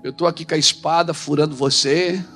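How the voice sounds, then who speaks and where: Male preacher, high-pitched, emphatic, soft-to-shouting sermon delivery over faint music. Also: fairly even intonation, a little fast. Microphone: handheld microphone.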